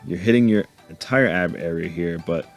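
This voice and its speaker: A man with a low, deep voice talks through his gym workout in a relaxed, joking way, laughing to himself now and then. Faint music plays under his voice-over. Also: normal speed, vocal fry. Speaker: fitness vlogger narrating his workout. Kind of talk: casual voice-over commentary.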